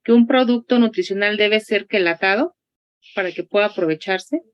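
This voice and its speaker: Una mujer que modera una sesión de preguntas en vivo e invita amablemente al público a participar. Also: female voice, mid-range voice, moderate pace, dry recording, dull audio. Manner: friendly, inviting questions. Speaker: moderator of an online Q&A. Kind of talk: live online moderation.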